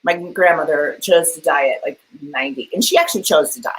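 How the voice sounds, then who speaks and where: Animated woman telling a story on a call. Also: on the low side, fairly quick, rough recording. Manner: animated storyteller, uses filler words. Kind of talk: casual chat on a live stream.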